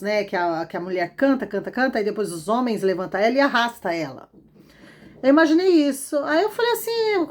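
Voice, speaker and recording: A woman with a Brazilian accent telling a personal testimony in a casual, emotional way, repeating phrases for emphasis. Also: on the high side.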